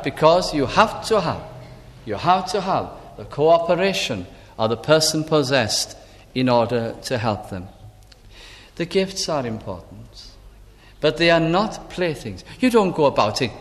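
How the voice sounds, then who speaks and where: A man preaching a sermon, telling a personal story slowly and deliberately. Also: mid-range voice. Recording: long hall reverb.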